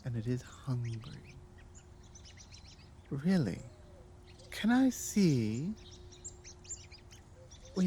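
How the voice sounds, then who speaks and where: Grave and intent, the woman voicing a guilt-burdened ancient dragon scholar for an ASMR audio drama speaks deliberately and commandingly, pausing dramatically as she goes. Her voice sits low and mellow, carrying a faint hiss or hum.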